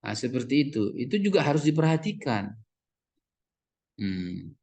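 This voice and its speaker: A man's voice: mid-range voice, very animated, unhurried, a little mellow. A man, teaching Arabic reading in a lecture and explaining terms step by step with many fillers.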